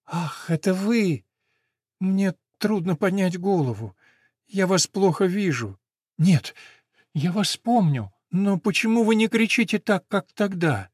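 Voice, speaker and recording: A man voicing an old, sick and weary female horse in a storybook, speaking softly and tiredly. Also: sits high, animated, slow, no echo, studio quality, voice pushed up, exaggerated voice. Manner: soft, tired, gentle. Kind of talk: storybook reading.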